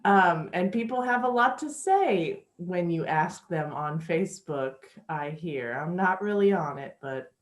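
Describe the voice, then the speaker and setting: A woman's voice: fairly low pitch, animated. A woman teaching English in a patient, chatty way during an online lesson. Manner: slow, patient, chatty with light laughs. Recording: echoey room.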